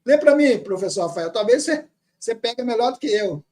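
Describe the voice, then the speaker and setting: A man teaching grammar, reading words slowly from a text and repeating them patiently. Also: very high-pitched, animated, darkish tone. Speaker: teacher of Syriac Aramaic.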